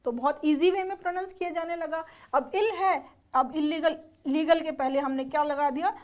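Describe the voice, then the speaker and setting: High-voiced woman teaching exam vocabulary. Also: fairly even intonation, moderate pace. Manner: explains step by step, often checking with students; spells words out letter by letter. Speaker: English teacher for exam preparation. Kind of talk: online exam-prep lesson.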